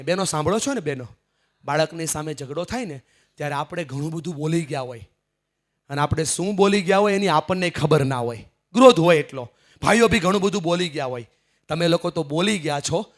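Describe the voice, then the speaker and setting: Guy motivational speaker at a seminar, fairly high voice, goes loud then quiet for effect. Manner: emphatic, swings from loud to hushed. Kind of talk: live motivational seminar speech. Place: large seminar hall with audience.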